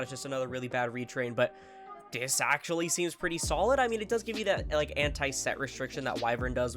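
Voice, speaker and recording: A man's voice: on the high side, a bit bright. A man with a congested, nasal voice from a head cold, giving rambling, casual video commentary, correcting himself as he goes and swearing now and then. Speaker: card game YouTuber.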